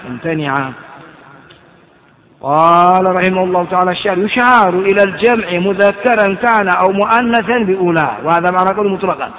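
A man's voice: high voice, fairly bright tone. A man teaching grammar. He reads a text aloud, then explains it with rhetorical questions. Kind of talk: classroom commentary on a grammar text. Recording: muffled, echoey lecture hall.

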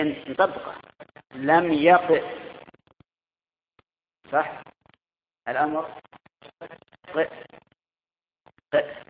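A man teaching a grammar class, quizzing his students and repeating their answers. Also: a little high. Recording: tinny echoey hall recording.

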